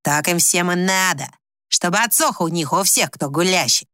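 Woman doing a hoarse, bossy village crone. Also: lowish voice, moderate pace, background noise, voice pushed down, lightly acted. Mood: conspiring. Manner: blunt, scolding, crude. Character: coarse bossy older village woman, scheming.

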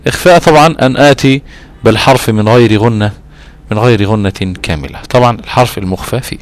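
A man with an Egyptian accent teaching a recitation lesson, repeating key terms and slowing down to draw out his recited examples. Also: mid-range voice. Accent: Egyptian Arabic. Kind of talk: explanatory lesson.

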